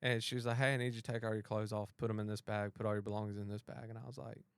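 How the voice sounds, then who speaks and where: A man's voice: lowish voice, very fast, gravelly, clear, resonant tone, no room sound. A man, hosting a podcast and telling a personal story, acting out the voices of the people in it. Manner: animated retelling, acts out both sides of a dialogue. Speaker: podcast host and police officer. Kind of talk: storytelling in a casual conversation.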